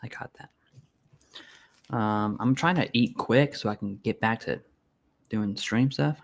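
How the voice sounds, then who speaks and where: A man's voice: on the low side, measured pace, vocal fry. Blunt, casual male stream host. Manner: blunt, informal, reads questions aloud. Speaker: livestream host answering viewer questions. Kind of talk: casual live Q&A. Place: home setup, eating while streaming.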